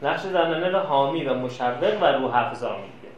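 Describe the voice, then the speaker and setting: A man's voice: medium pitch, muffled recording, a crowd in the background. A man giving a classroom lecture, telling anecdotes and acting out quoted dialogue. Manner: lively storyteller, plays out quoted dialogue. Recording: echoey room, faint noise.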